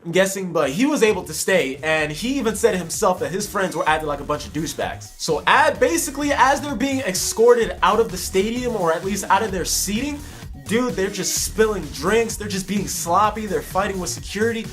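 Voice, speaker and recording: A man's voice: high voice, animated, a little fast, a bit bright. A young adult man telling a personal story as a vlogger, in a casual, slangy, emphatic way with plenty of repetition. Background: faint music.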